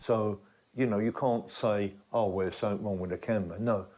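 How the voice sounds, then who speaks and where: A man's voice: lowish voice, steady tone, fairly quick, a little mellow. A man speaking as a spiritual healer, explaining things to a camera in unscripted talk.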